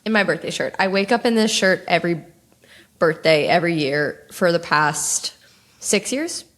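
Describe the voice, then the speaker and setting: A young adult woman co-hosting a casual chat podcast, talking in a calm, relaxed, slightly monotone way with a little vocal fry. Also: lowish voice, normal speed. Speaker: podcast co-host.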